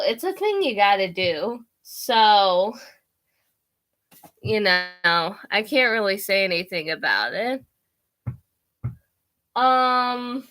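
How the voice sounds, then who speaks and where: Slow-talking teen girl vlogger, bright voice. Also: mid-range voice, no echo. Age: teens. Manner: rambling, with many "like" and "um" fillers. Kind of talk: casual chat to camera. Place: her own bedroom.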